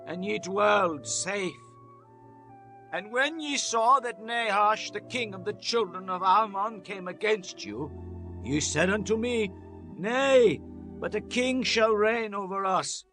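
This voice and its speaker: In a dramatized King James Bible reading, an older man acts out a stern old prophet, his high, forceful voice declaiming solemnly and slowly to his people. The performance is heavily acted, with soft music underneath.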